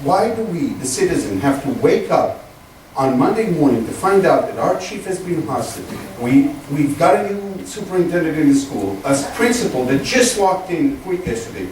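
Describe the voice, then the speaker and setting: A man's voice: on the high side, very animated, normal speed, a little mellow. A man from Texas giving an indignant public comment at a town meeting, emphatic and full of pointed questions. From grew up in Texas. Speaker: resident speaking at a town meeting. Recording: echoey hall from far off, faint noise.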